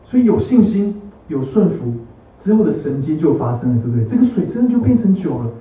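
A man's voice: a little high, big pitch swings, a little fast, dark tone. A man preaching a sermon with a personal testimony. He keeps asking the congregation to agree and drops English words into his talk. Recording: echoey hall, mic far off.

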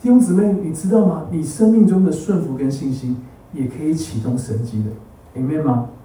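A man's voice: a little high, moderate pace, warm tone, slight background noise. A man preaching a sermon with a personal testimony. He keeps asking the congregation to agree and drops English words into his talk. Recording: echoey hall, mic far off.

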